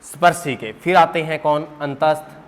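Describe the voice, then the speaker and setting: A man's voice: a little high, fairly even intonation, moderate pace. A man teaching a grammar lesson at a board, quizzing his students with questions and answering them himself, drilling letters one by one.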